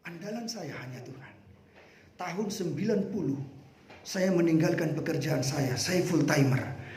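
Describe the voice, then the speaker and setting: A man preaching a sermon, animated and emphatic, breaking into shouts. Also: fairly high pitch, measured pace, slight background noise. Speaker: pastor. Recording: echoey room with faint ambience.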